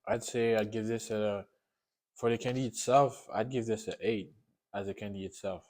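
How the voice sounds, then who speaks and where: A man's voice: fairly low pitch, fairly even intonation, moderate pace, darkish tone. A man giving a casual, unscripted taste-test review while eating sour candy, often repeating and rephrasing himself.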